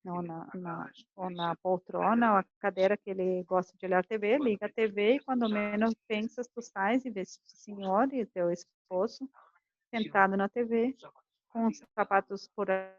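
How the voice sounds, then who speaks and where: A woman's voice: medium pitch, moderate pace, dry recording, lo-fi sound. A woman teaching a class on communication, acting out couples' arguments as she explains. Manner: animated, acts out quoted couples' arguments. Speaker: communication coach. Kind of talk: lecture to a class.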